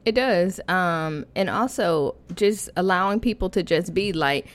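A woman's voice: lowish voice, measured pace. A woman speaking casually as a podcast guest, thinking aloud in an informal, conversational way. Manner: informal, thinks aloud with repeated "you know" and "like". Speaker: podcast guest, photography educator and conference founder.

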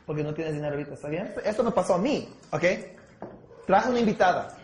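High-voiced energetic male sales trainer. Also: fast, a little hiss or hum. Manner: energetic, coaching, mixes English words into Spanish. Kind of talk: sales training talk with role-play. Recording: echoey room.

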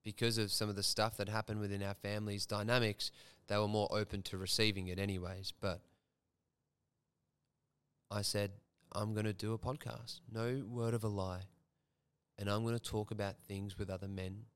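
Young man, podcast host, frank and sweary, smooth resonant tone, low pitch. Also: little pitch movement, moderate pace, fairly bright tone. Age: young adult. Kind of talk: candid personal storytelling.

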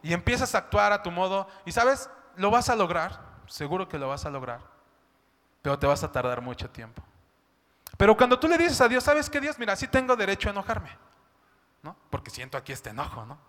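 A man's voice: sits high, big pitch swings, brisk, a bit bright. A man preaching a sermon, talking in a chatty way and often asking "¿no?". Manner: conversational, keeps asking "¿no?" and "¿sabes?". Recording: long hall reverb.

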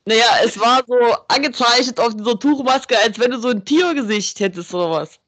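A woman's voice: fairly high pitch, fairly quick, fairly bright tone, dry recording. A woman co-hosting a podcast in casual chat, playful and teasing with dry jokes. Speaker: podcast co-host.

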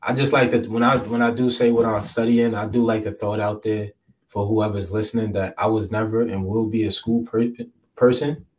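A man's voice: fairly low pitch, level tone, fairly quick, darkish tone, far from the mic, low-quality recording. A man in his twenties from Jersey City, answering casually and reflectively as a podcast guest. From Jersey City, USA. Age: 20s.

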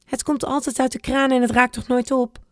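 A curious little girl asking earnest, wide-eyed questions, as a woman reading a storybook puts her on. The voice is pitched clearly higher than the reader's own, with a dry, close sound. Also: flat delivery, brisk, dry recording, natural voice.

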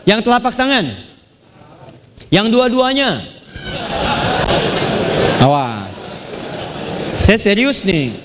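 High-pitched male preacher from Banten, chanting Quran verses amid lively sermon stories. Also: noisy background. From Banten, Indonesia. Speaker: Islamic preacher. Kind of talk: sermon to a live audience.

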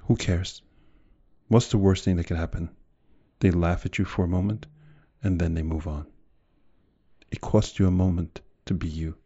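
A man's voice: low voice, fairly even intonation, moderate pace, long pauses, warm tone, breathy edge, highs cut off. A man delivering a motivational speech in an emphatic, direct way, full of rhetorical questions and repetition. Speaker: motivational speaker.

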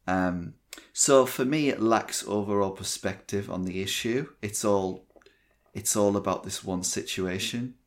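A man co-hosting a podcast, giving measured, critical film opinions with frequent hesitations. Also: lowish voice. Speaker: podcast co-host. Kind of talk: casual film discussion.

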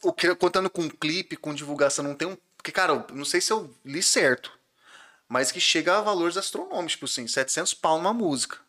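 A man hosts a casual chat in a bright, forceful voice. He talks fast and informally, throwing out questions in loose slang. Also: fairly high pitch. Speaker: host asking questions.

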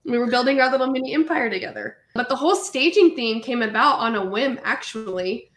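A woman in her thirties from California tells her story as a podcast guest, lively and chatty. Her voice sits a little high, and the recording has a noticeable echo from the room. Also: brisk. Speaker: guest entrepreneur. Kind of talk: casual interview storytelling.

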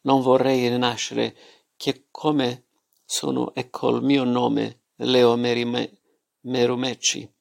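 A smug, falsely good-natured middle-aged gentleman, as an audiobook reader puts him on, hearty and boastful at the dinner table. His voice is heavily gravelly with a level, unvaried melody, and he teases everyone around him. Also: medium pitch, level tone, takes it slowly. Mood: jovial.

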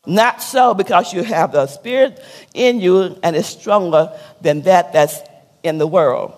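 A woman's voice: lowish voice, unhurried, long reverb tail. A woman pastor preaching a sermon, asking her listeners questions and repeating her key points. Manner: preaching with call-and-response questions and repetition; drops to a soft, hushed tone when telling a sad story.

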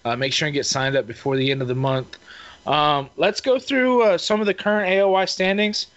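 Rambling co-host with muffled sound. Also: male voice, a little high, a little fast. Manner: relaxed, rambling, many fillers. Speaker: co-host of fishing show. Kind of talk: casual podcast chat. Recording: muffled lo-fi audio.

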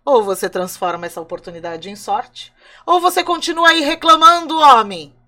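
A woman telling a folk tale puts on the Creator as a stern, commanding old god who speaks low and unhurried. He scolds plainly and firmly, with no softness. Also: very animated, full character voice. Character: stern wise male Creator, blunt and commanding. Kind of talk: oral storytelling.

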